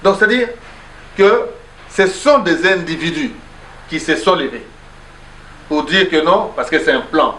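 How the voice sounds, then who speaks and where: In an echoey room with faint background noise, a pastor argues insistently in a debate, switching between French and Lingala. His fairly high, animated voice sounds pushed and bright, and though unhurried with long pauses, he keeps interrupting with repeated "non, non."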